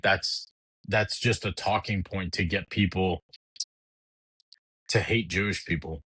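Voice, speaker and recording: This middle-aged man hosts a podcast where he rants about politics with blunt heat, free swearing and frequent sentence restarts. His very low, deep voice is slow and steady, a bit bright with a breathy edge, and the poor audio is dry and close with no room sound at all.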